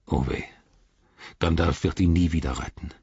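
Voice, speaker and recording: A man reading as a grieving, solemn royal ranger in a measured, low voice. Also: darkish tone, slightly rough, dry recording, muffled recording, exaggerated voice. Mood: grave. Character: grieving grave royal ranger, male, adult.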